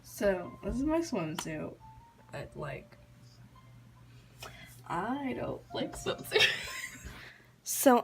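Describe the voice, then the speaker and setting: A teenage girl vlogging casually, rambling and giggling, often dropping to a whisper. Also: fairly high pitch. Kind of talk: casual vlog chat.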